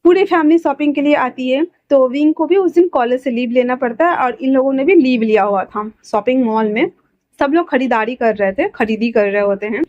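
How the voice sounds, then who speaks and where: A woman's voice: high voice, a little fast, a little mellow, dry recording. A woman narrating a fan story casually, chatty, with fillers and self-corrections, on a dull lo-fi recording.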